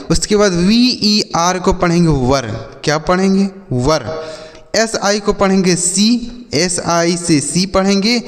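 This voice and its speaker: A man with a somewhat raised voice teaches children to read long English words letter by letter. He keeps calling out questions and answering them himself. The recording carries a long, lingering reverb. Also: high-pitched. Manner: repeats questions and answers, addresses children directly. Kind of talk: spelling lesson for children.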